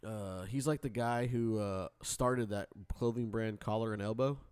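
A man's voice: on the low side, a little slow, a little mellow, clear, resonant tone, no room sound. A man hosting a radio show in casual, jokey banter with his co-hosts.

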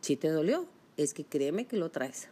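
A woman's voice: low voice, big pitch swings, moderate pace, dark tone, husky. A woman giving a self-help talk, speaking emphatically and straight to the listener. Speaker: motivational speaker.

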